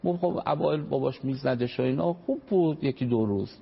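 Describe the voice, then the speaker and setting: A husky, medium-pitched male voice with vocal fry belongs to a family counselor on a dull, lo-fi radio broadcast. He explains parenting earnestly, leaning on examples and polite formal wording.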